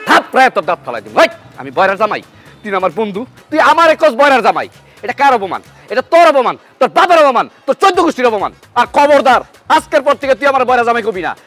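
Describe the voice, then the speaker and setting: A loud, flustered young husband. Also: male voice, extremely high pitch, big pitch swings, racing, faint music behind, heavily acted. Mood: indignant. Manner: talks very loudly with big hand gestures. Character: young husband of a deaf wife, loud and frantic. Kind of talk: comic drama acting.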